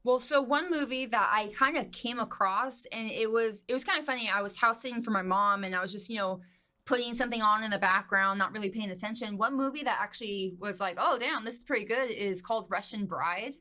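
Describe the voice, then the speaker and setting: A woman with a bright, clear voice chats on a podcast about movies she likes. She sounds relaxed and unhurried, in an easy conversational tone. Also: a little high. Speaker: podcast co-host. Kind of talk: casual chat.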